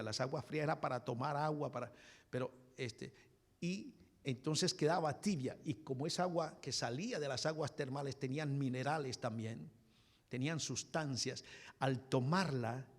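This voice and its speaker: A man, preaching a sermon as pastor, animated and sometimes shouting. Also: mid-range voice, normal speed. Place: church hall. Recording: long hall reverb.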